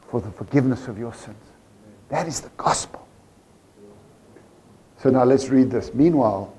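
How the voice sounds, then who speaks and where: During a church service, a man with a South African accent and a voice on the high side preaches an animated sermon. He peppers the congregation with rhetorical questions.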